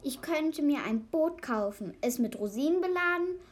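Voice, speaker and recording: A woman's voice: on the high side, expressive, unhurried, a little mellow. Dreamy shepherd, read by a woman. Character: dreamy male shepherd, tempted by the sea. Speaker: reader. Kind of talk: reading a fable aloud.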